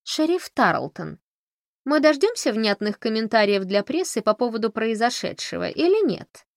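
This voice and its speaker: A woman's voice: fairly high pitch, lively intonation, moderate pace, no echo, clean studio sound, pitched above the performer's own voice. Narrator doing a sardonic pushy reporter woman. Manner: sarcastic, melancholic, demanding. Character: sardonic pushy female journalist.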